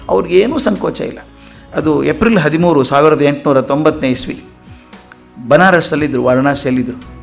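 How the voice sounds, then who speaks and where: Gravelly-voiced man telling stories. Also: fairly high pitch. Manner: lively storyteller acting out quoted voices. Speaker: motivational speaker. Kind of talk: storytelling lecture.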